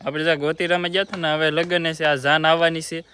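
Gujarati man, family vlogger, rapid chatty delivery, slightly raised pitch, phone-held sound. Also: flat delivery, pushed and bright, clean tone. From Gujarat, India. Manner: chatty, teasing, quick talking. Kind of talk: casual family vlog chat.

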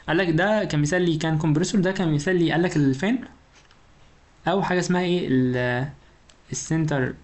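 Man, Egyptian Arabic accent, engineering lecturer, very quick, informal, keeps checking the listener follows. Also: fairly high pitch, a little mellow. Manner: keeps asking rhetorical questions and checking understanding; informal, talks directly to the student. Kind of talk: recorded lecture explanation.

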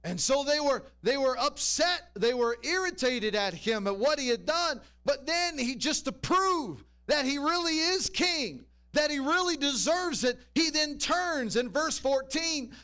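A man's voice: very high voice, lively intonation, measured pace, hardly any pauses, pushed and bright. A man preaching a sermon in a church, walking the congregation through scripture and checking in with rhetorical questions. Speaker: pastor.

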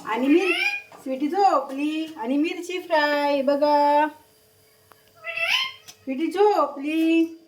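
A woman's voice: high voice, takes it slowly, long pauses, recorded from a distance. A woman at home, teasing and scolding her pet bird in a playful, doting way. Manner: scolding and teasing, baby-talk to pets. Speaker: pet owner talking to her parrot. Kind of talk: home vlog, chatting to a pet. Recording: echoey room, voice a bit off-mic, faint noise.

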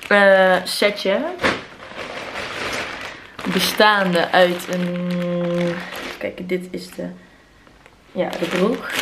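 A woman's voice: lowish voice, a little hiss or hum, rough recording. Chatty young woman vlogging at home. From Netherlands. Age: 20s. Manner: chatty, excitable, mixes in English phrases. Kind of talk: casual vlog chat. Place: bedroom at home, indoors. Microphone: handheld camera close up.

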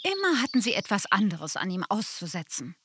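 A woman gently and calmly narrating a children's storybook. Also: medium pitch, fairly quick, husky, no echo, studio quality. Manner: gentle, calm reading.

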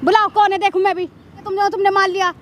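A woman's voice: very high-pitched, flat delivery, fast talker. A woman playing a young girlfriend in a staged skit, pleading and indignant as she insists she is telling the truth, outdoors in a park. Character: young girlfriend defending herself.

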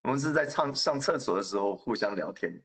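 A man in his fifties preaching a sermon, telling the story in a lively way with acted-out quotes. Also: fairly low pitch, brisk, a little hiss or hum.

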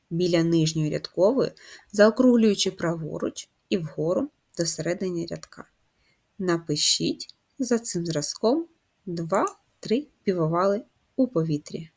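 A woman's voice: medium pitch, a little mellow, husky. A woman teacher giving a patient, step-by-step first-grade writing lesson, asking the children questions as she goes. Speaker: primary school teacher.

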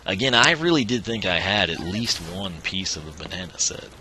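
Low-voiced man, losing his voice. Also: moderate pace, background noise. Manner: chatty, rambling, chuckles often. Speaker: game streamer. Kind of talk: casual let's-play commentary.

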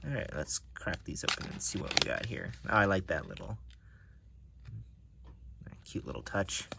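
There's some background noise behind this low, animated male voice, which carries vocal fry and a moderate pace. He's a card collector at an indoor table, casually narrating the unboxing of playing cards and musing as he handles them.

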